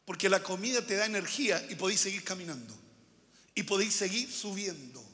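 A male pastor delivers a sermon, circling back to key phrases and posing questions to the congregation. His voice sits high and sounds bright and forceful. The long reverb of a church hall trails behind every word. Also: expressive, fairly quick. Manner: preaching with repeated phrases and rhetorical questions.

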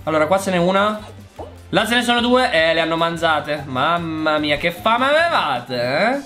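A man's voice: on the high side, very animated, normal speed, bright, forceful tone, soft background music. A man with an Italian accent giving casual gameplay commentary, chatty and exasperated, talking straight to his viewers. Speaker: gaming YouTuber.

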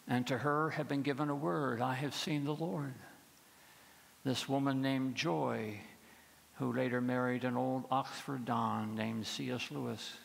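A middle-aged man preaching an Easter sermon from the pulpit of a large church, using rhythmic repetition and dropping low for the dark passages. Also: creaky. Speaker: pastor. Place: large church sanctuary with choir behind. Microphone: pulpit microphone. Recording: long reverb of a large church.

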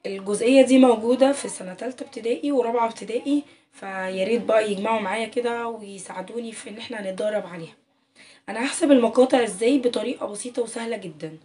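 Higher-voiced Egyptian woman teaching slowly. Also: warm tone, distant mic. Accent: Egyptian Arabic. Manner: clear, patient explaining with drawn-out sample words. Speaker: English teacher. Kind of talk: casual online lesson.

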